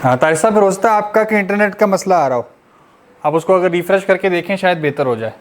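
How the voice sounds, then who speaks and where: A man's voice: high voice, lively intonation, fast. A man teaching an online class, explaining step by step and quizzing his students with repeated questions. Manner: patient, methodical explaining.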